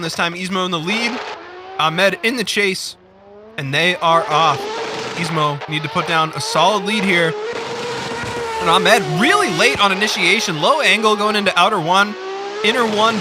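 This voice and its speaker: A man calling drift racing play by play, quick and joking. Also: high voice, background noise. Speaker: commentator. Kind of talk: esports drift commentary.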